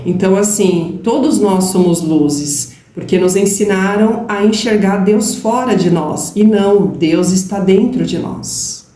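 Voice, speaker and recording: A woman co-hosting a spiritual talk, explaining calmly and affirming her partner's points. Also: medium pitch, a little slow, hardly any pauses. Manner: calm, affirming explanations with "gente" and "né?". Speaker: spiritual channel co-host. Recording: roomy with faint background hiss.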